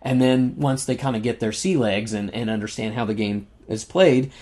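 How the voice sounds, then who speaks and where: A man's voice: medium pitch, fairly even intonation, moderate pace, darkish tone. A man co-hosting a casual podcast, running through game details with lots of fillers and frequent laughs, saying he is losing his voice. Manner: enthusiastic, laughs often, lists game facts with fillers. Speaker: podcast co-host reviewing board games. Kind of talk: casual chat.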